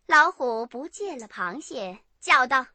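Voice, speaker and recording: A woman narrating a bedtime story for children in an expressive, animated way. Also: high voice, a little slow, music in the background.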